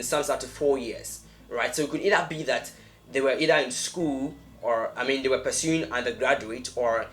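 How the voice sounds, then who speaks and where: A man's voice: mid-range voice, fairly bright tone. A young Ghanaian-accented man hosting a podcast in a casual, conversational way, often repeating phrases for emphasis. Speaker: podcast host.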